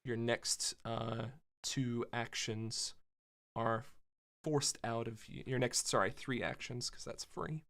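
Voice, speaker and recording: Slow gravelly man running a tabletop game. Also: mid-range voice, steady tone, a bit bright. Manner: halting, filler-heavy descriptive narration. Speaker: game master.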